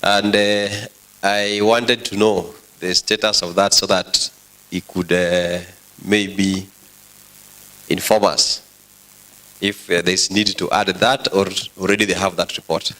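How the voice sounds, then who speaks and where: A man with a Kenyan accent presiding over an assembly, formal and directive, with halting delivery. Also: low voice, flat delivery, sharp tone, poor audio. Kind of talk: formal parliamentary rulings. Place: assembly chamber.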